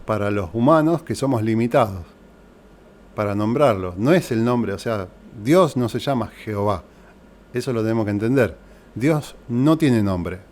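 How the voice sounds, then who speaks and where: A man's voice: medium pitch, darkish tone. A man with an Argentine accent preaching in a church, explaining things step by step and posing rhetorical questions to the congregation. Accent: Argentine Spanish. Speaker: pastor. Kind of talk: sermon teaching. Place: church hall.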